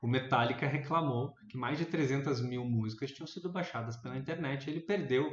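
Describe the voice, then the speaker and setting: A man with a Brazilian accent making his points in a casual debate, thinking aloud with restarts and sudden animated rises in pitch. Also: fast talker. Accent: Brazilian Portuguese. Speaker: debate panelist. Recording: echoey room, dull lo-fi sound.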